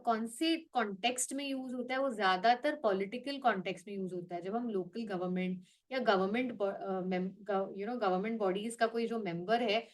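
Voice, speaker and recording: An Indian-accented woman teaches English words to her viewers, her fairly high voice rising and falling with emphasis. She moves easily between Hindi and English as she explains. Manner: animated, code-switches between Hindi and English. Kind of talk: explaining vocabulary to the camera.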